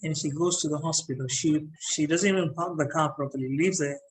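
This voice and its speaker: A man giving a lively talk on public speaking, often repeating words as he goes. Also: a little high, fairly quick, a little hiss or hum, poor audio. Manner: animated, repeats words and restarts. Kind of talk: motivational talk to an audience.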